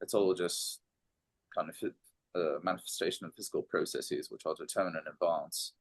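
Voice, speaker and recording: A man's voice: low-pitched, steady tone, moderate pace, no echo. A man talking through philosophy on a podcast in a casual, hesitant way, with many ums and restarted phrases. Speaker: podcast co-host.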